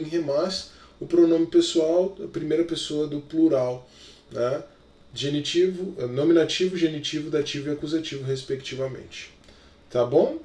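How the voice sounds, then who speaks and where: A man's voice: a little high, a little mellow. A male teacher with a Brazilian Portuguese accent, giving a recorded lesson in an explanatory way, full of little check-in fillers. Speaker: Greek teacher. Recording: echoey room, voice from far off.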